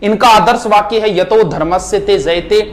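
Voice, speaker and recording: Fast-talking history teacher. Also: male voice, sits high, a little hiss or hum. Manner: rapid, list-like recitation. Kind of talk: fast exam revision lecture at a board. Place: classroom with board.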